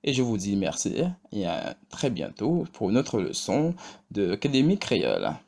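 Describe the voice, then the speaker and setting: A man teaching a pronunciation lesson, saying example words slowly and repeating each one twice. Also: on the low side, huge pitch swings, vocal fry, a little mellow. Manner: slow and deliberate, repeating each word twice. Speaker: language teacher.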